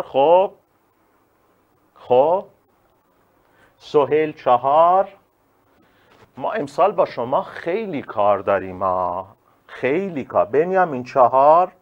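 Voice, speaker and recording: A male teacher giving a live online class, animated and emphatic, calling on students by name. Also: mid-range voice, highs cut off.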